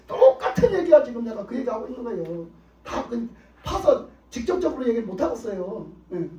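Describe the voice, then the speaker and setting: In this sermon, a male pastor with a very high, dark-toned voice preaches with emphasis, hammering home his points through repeated rhetorical questions. A dull, muffled recording places him distantly in an echoing sanctuary.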